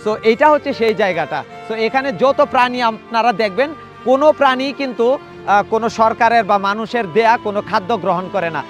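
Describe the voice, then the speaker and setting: A man narrating a casual travel vlog outdoors from a safari vehicle, excited and sometimes hushed while he films wildlife. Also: high-pitched, a little fast, soft background music. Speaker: travel vlogger.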